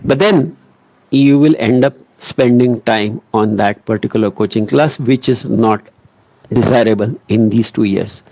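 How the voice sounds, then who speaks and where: A man's voice: mid-range voice, warm tone, dry recording, low-quality recording. Earnest Indian English man giving advice. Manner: earnest, hesitant, with many pauses and self-corrections. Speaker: coaching academy teacher. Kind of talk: online guidance session.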